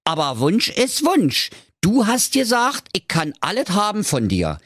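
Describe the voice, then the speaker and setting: A man's voice: high-pitched, wildly swooping pitch, a little slow, a bit bright, dry recording, studio quality, pitched above the performer's own voice, exaggerated voice. A man voicing a cheeky, pushy male frog in a raised, chummy voice with a Berlin accent. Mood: wheedling.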